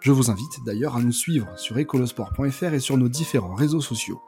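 Podcast host: man, average pitch, clear presenter delivery, light background music. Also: a little fast, mellow. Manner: clear, read-aloud presenting. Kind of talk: scripted podcast intro and interviewing.

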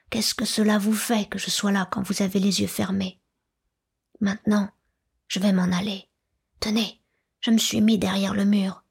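A woman voicing a timid, sorrowful deaf hunchbacked man in a soft, half-whispered audiobook reading. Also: mid-range voice, creaky, slightly rough. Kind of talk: audiobook reading of a classic novel.

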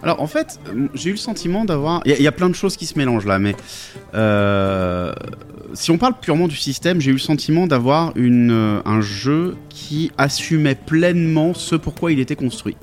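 A man's voice: on the high side, sing-song, normal speed, faint music behind. A man talking casually about tabletop role-playing games, thoughtful and hesitant with many fillers.

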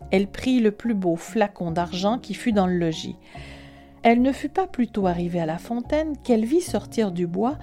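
Slow, mellow-voiced woman storyteller. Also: mid-range voice. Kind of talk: scripted narration.

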